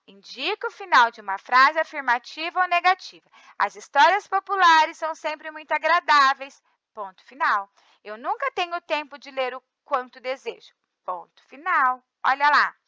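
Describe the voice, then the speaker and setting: A woman's voice: sits high, sharp tone, no room sound, lo-fi sound. A Brazilian woman teaching a recorded class, reading the textbook aloud and often checking in with her students. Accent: Brazilian Portuguese. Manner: reads textbook aloud, checks in with frequent tag questions. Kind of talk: recorded remote class lesson.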